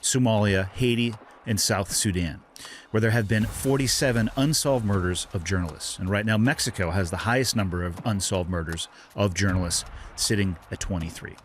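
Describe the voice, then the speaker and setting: A man with a fairly low voice hosts a podcast. He reads a scripted introduction in a measured way, then asks his guest questions. Faint noise sits behind his voice. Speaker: podcast host.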